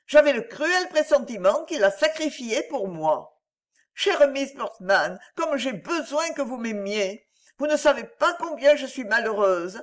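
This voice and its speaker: A woman's voice: lively intonation, unhurried. Woman voicing a tearful pleading young woman. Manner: high, breathless pleading. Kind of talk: audiobook reading.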